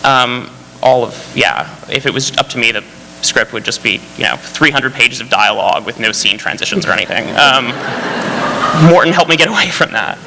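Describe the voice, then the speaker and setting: A man's voice: mid-range voice, animated, moderate pace, creaky. A man speaking as a screenwriter on a festival panel, eager and rambling, with many fillers and restarts. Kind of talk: panel discussion. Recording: hall reverb, faint hum.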